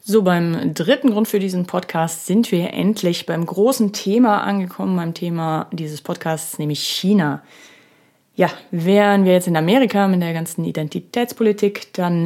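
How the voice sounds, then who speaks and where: A woman in her thirties talks solo into a studio microphone for her podcast. She is chatty and self-ironic, with a slightly low voice, and she often pauses on filler sounds. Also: darkish tone. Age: 30s. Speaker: podcast host. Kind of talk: casual solo podcast monologue.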